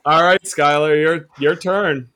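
A man hosting a casual podcast chat, teasing his guests with quick laughs. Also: a little high, steady tone, pushed and bright, clear, resonant tone. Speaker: podcast host.

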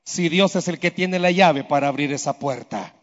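High-voiced man preaching in a reverberant church. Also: moderate pace. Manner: emphatic, with rhetorical questions to the congregation. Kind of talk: sermon. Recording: dull sound with long hall reverb.

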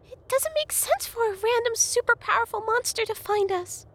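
A woman voicing a tiny, fierce female fairy trapped in a bottle, shrill and defiant, in a storybook reading. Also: expressive, moderate pace, a bit bright, heavily acted. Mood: puzzled. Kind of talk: storybook narration with character voices.

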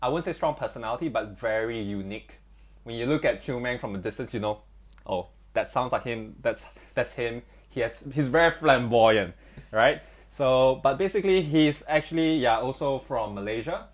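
A young man co-hosting a casual podcast, chatty, with many fillers and restarts. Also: mid-range voice. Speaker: podcast co-host.

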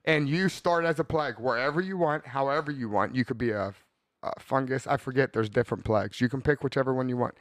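A man's voice: mid-range voice, fast talker, no room sound, clean studio sound. A man in his thirties hosting a podcast, chatting casually in a rambling, profane way and laughing often. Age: 30s. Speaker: podcast host. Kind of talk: casual chat.

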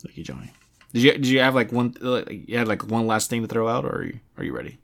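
A man's voice: medium pitch, lively intonation, fast, gravelly. A young adult man hosting a casual video game podcast, talking in a rambling way with many restarts and fillers. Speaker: podcast host.

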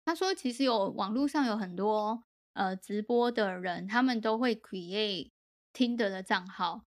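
A woman co-hosting a podcast, telling a friend's story in animated, casual chat with English words mixed in. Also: medium pitch, unhurried. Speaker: podcast co-host.

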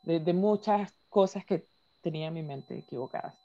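A Venezuelan woman in casual conversation, telling stories in an animated way and laughing often. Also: on the low side, normal speed, dry recording, dull audio.

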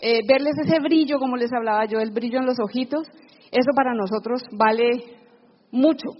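A woman giving a personal testimony about her family at a live event, with warm, hesitant phrasing, in a dull live recording in a reverberant hall. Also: a little high, moderate pace.

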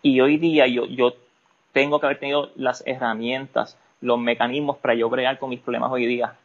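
A man, a podcast guest speaking candidly about personal matters, halting and restarting often. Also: mid-range voice, little pitch movement, dull audio. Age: adult. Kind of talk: personal interview talk.

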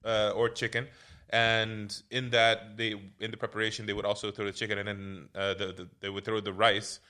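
A man's voice: lowish voice, level tone, moderate pace, bright, forceful tone, clear, resonant tone. A young man from Curaçao, co-hosting a casual chat, hesitant and stumbling when explaining. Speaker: podcast co-host.

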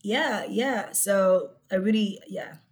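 A young woman talks as an interview guest, measured and reflective. She stops often with ums and picks her words with care. Her voice sits at an ordinary middle pitch. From born in Egypt, raised in Australia. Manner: thoughtful, with frequent ums and pauses. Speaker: guest, researcher and youth activist.

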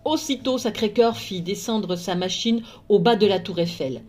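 A woman, a librarian, reading a children's storybook aloud with measured, expressive narration. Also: medium pitch.

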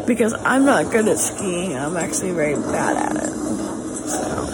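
A woman's voice: expressive, measured pace. A woman with a Southern US accent chatting casually to viewers as a family vlogger, in a drawling, folksy, encouraging way. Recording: noisy handheld recording with vehicle rumble.

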